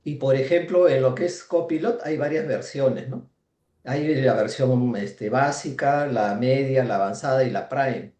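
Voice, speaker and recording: A consultant joins an online workshop and speaks in a measured, methodical way, listing his points with tag questions. His voice is mellow and dark. It echoes around the room he speaks from. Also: medium pitch, dull audio. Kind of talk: explanatory comment in class.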